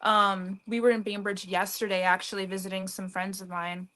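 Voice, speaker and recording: An American woman in her twenties co-hosting a casual livestream, telling a personal story in a lively way. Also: mid-range voice, normal speed, rough recording. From United States. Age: 20s. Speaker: livestream co-host.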